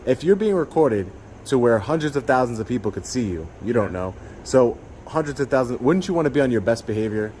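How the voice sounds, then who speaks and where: A man's voice: mid-range voice, expressive, fairly quick, darkish tone, slight background noise, low-quality recording. A talkative man recording public officials, making his case in casual, insistent conversation and often repeating himself. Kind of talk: casual confrontational chat.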